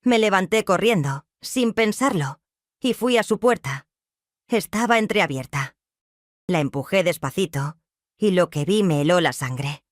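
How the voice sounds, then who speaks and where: A woman narrating a first-person dramatic story in a hushed, suspenseful, emotional way. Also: on the low side, expressive, measured pace, no echo, clean studio sound.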